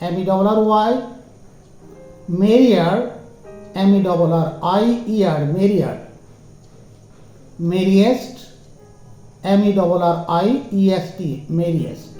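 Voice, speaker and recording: A man teaching English grammar, explaining the rules slowly and spelling words out letter by letter. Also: high-pitched, warm tone, echoey room, faint music behind, rough recording. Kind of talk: grammar lesson in Bengali.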